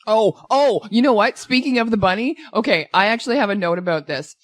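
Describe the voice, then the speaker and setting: A woman's voice: medium pitch, expressive, brisk, no room sound. A woman co-hosting a casual movie podcast, blunt and sarcastic, swearing freely as she picks apart a film. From Canada. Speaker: podcast co-host.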